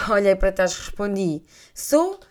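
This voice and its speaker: A young adult woman with a European Portuguese accent, hosting a casual chat and telling anecdotes in an animated way, laughing often and acting out voices. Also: mid-range voice, a little slow. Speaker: podcast host.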